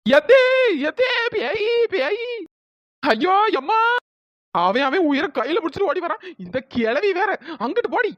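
A woman voicing a silly, cheeky young daughter-in-law in a cartoon who frightens easily, calling out in a panic, with a pitch-raised voice. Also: very animated, brisk, hardly any pauses. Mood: panicked. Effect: pitch-raised voice editing. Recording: dry, slightly dull cartoon voice track.

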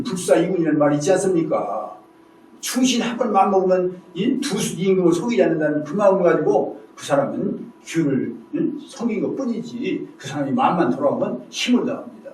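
An earnest, loyal minister from an old tale pleads his case, as a male lecturer acts him out. The voice sits slightly high and plainly, not heavily acted. It is picked up from afar, with strong room echo and faint background hiss. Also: sing-song, fairly quick, darkish tone. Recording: echoey room, distant mic.

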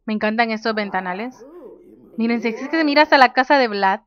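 Chatty high-voiced woman playing a game. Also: brisk, muffled recording. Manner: chatty, reads game menus aloud, laughs often. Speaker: gaming youtuber. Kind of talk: casual let's play commentary.

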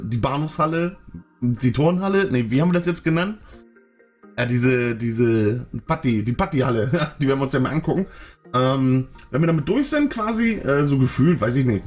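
A man's voice: medium pitch, expressive, moderate pace, darkish tone, soft background music. A man hosting a gaming livestream, chatting loosely and upbeat with lots of fillers and chuckles. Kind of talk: casual livestream chat.

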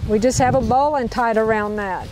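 A knot-tying instructor leads a hands-on demonstration for a group in a park, upbeat as she repeats every step and checks in with everyone. Her voice is on the high side with a darkish tone and moderate pace, and the rough recording carries a slight hiss or hum.

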